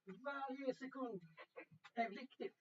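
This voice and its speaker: A man with a high voice hurries a group of students through a rehearsal. His instructions are brisk and full of restarts. He is recorded from a distance, and the sound is dull and lo-fi. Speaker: teacher coordinating a radio contact rehearsal. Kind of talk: instructing students, mixing Swedish and English. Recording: lo-fi, distant from the mic.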